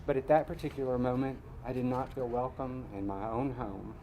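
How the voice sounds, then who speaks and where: Guy reading his essay at a live event, mid-pitched voice, faint room hum. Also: steady tone, dark tone, rough recording. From Mississippi, US. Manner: measured storytelling, wry asides. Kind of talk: reading a personal essay aloud.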